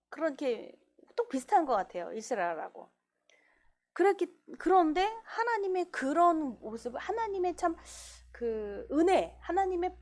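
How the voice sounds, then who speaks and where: Woman pastor, sermon delivery, lively rising and falling pitch, slightly high voice. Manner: animated preaching, acts out quoted voices. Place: church.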